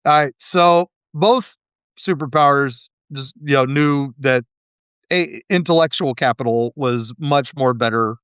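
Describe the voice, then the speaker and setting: A man's voice: mid-range voice, a little slow, a bit bright, smooth, no echo, clean studio sound. A man hosting a podcast, telling history in a rambling, casual way with frequent laughs. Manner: rambling, laughs often, fillers. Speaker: podcast host.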